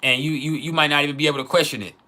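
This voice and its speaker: A man's voice: a little high, steady tone, very fast, pushed and bright. A man hosting an astrology livestream in a casual, profane, slangy monologue, repeating phrases for emphasis.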